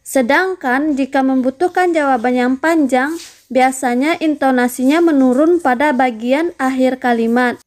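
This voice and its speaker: A woman's voice: sits high, normal speed. A woman narrating a primary school lesson, talking to the pupils in a friendly way and putting questions to them. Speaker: teacher.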